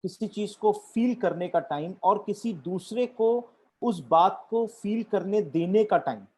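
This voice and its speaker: A man giving a corporate training talk on storytelling, deliberate and switching between Hindi and English. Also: sits high, lively intonation, darkish tone, husky.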